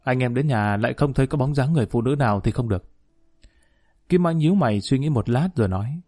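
A man narrating a story audiobook in a measured, even manner. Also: medium pitch.

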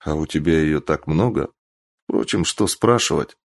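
A man's voice: extremely low pitch, normal speed, creaky, no room sound, pitched below the performer's own voice. A man reading a story aloud, voicing a stern young princess who speaks in a commanding, exasperated way.

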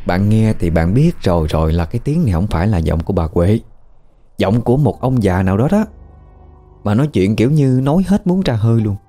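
A man's voice: fairly low pitch, expressive, brisk, dark tone, soft background music. A man with a Southern Vietnamese accent narrating a ghost story in a colloquial, conversational way.

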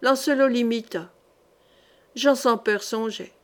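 A woman narrates a historical novel for an audiobook at a steady, measured pace. Her voice sits a little on the high side. She tells the story in a clear, even way. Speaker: audiobook reader.

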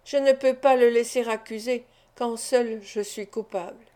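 A woman reader gives voice to a resolute, anguished wife pouring out an earnest confession in a storybook reading of a classic novel. Her voice is fairly high and mellow, warm and soft, with a steady tone at normal speed. The acting is light.

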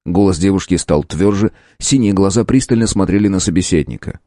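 A man narrating an audiobook in an expressive storytelling manner. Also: sits low, a little fast, no echo, clean studio sound.

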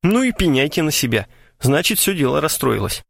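A man's voice: a little high, sing-song, brisk, vocal fry, no echo, studio quality, pitched above the performer's own voice, exaggerated voice. A man voicing a lazy male poet who talks in a drawling, pompous, mock-solemn way. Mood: teasing.

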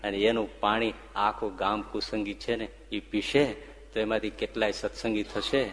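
A man's voice: lowish voice, level tone, moderate pace, a bit bright, slight background noise, natural voice. A man voicing a humble, devoted village woman who pleads earnestly, within a sermon story, in a reverberant hall. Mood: pleading.

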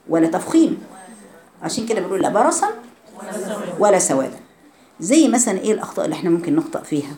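Her voice sits lowish with a darkish tone, captured in an echoey room. She's teaching girls the rules of Quran recitation in an Egyptian Arabic accent, drawing out syllables to drill pronunciation in a classroom tajweed lesson.

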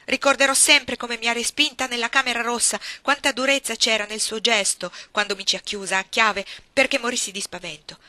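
Woman reading a defiant little girl, loud and raised in pitch, very bright tone. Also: steady tone, normal speed, few pauses, no room sound. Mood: indignant. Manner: passionate, outraged outbursts. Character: defiant young girl, angry and trembling.

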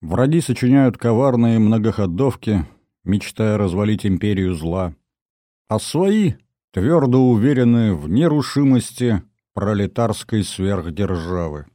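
A man narrating a first-person audiobook in a wry, expressive storytelling manner. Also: on the low side, unhurried, no echo, studio quality.

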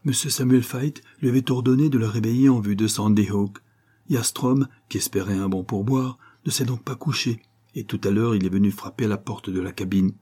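A man's voice: fairly low pitch, fairly quick, warm tone, slightly rough. A man voicing a dutiful male ship's purser who explains events matter-of-factly. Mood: reporting.

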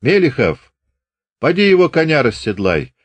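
A man's voice: medium pitch, sing-song, normal speed, pitched above the performer's own voice. A man reading an audiobook voices a commanding Cossack sergeant who raises his voice to give orders. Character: gruff anxious Cossack sergeant, middle-aged man.

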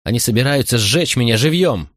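A man's voice: medium pitch, lively intonation, brisk, no room sound, clean studio sound, lightly acted. Man voicing a desperate captive Roman noblewoman. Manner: pleading, urgent.

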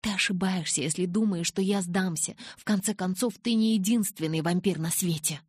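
A stubborn teenage girl from an audiobook, voiced by a woman. She talks back in an argumentative way, in a low, husky voice. The sound is dry and close. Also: moderate pace, dry recording. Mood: defiant.

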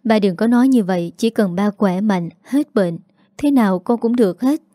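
A woman's voice: mid-range voice, normal speed, warm tone, no room sound, studio quality, lightly acted. Woman playing a pleading young daughter. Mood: earnest pleading. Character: dutiful, loving young daughter.

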